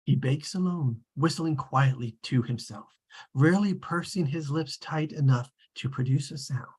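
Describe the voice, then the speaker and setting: A performer at a table read gives voice to a narrator who is very husky yet a little mellow, pitched mid-range and close to an everyday voice. Telling a storybook tale, the narration is formal and measured, dry and precise, carrying an omniscient, wry air.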